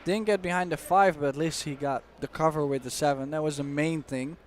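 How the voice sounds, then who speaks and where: A man breaks down pool shots as co-commentator, measured and explanatory with casual fillers. His voice sits a bit higher than most men's. A faint hum from the venue sits underneath. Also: steady tone. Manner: explanatory, measured, uses fillers like "you know". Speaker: expert co-commentator. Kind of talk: analytical sports commentary.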